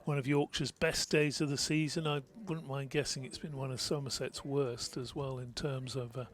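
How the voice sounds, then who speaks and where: A man's voice: mid-range voice, fairly even intonation, normal speed. A man co-commentating on cricket for radio, with easygoing, teasing banter.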